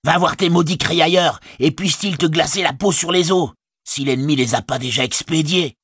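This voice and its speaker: A man's voice: mid-range voice, animated, moderate pace, gravelly, a bit bright, husky, no echo, clean studio sound, voice pushed up, exaggerated voice. A man voicing a whiny, sneering male orc tracker in an audiobook, his voice raised into a snarl. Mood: furious.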